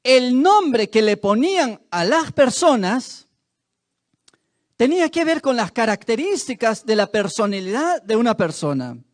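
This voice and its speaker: A male preacher with a high, very lively voice delivers a sermon in a church. He speaks slowly and tells the story dramatically. He often turns to the congregation with rhetorical questions.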